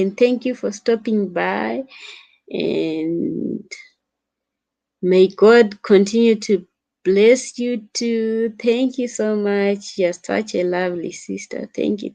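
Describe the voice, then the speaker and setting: A young woman from Africa vlogs on a late-night live stream, laughing frequently as she reads comments and calls her viewers sister. Her voice is a little high and darkish in tone, slow-paced, with vocal fry.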